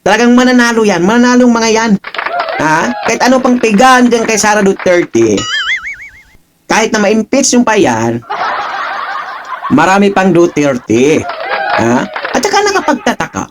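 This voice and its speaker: A man's voice: high voice, animated, a little slow, long pauses, noisy background. A man giving mocking reaction commentary as a political vlogger, laughing often and taunting with rhetorical questions. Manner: taunting, laughing, keeps asking "ha?".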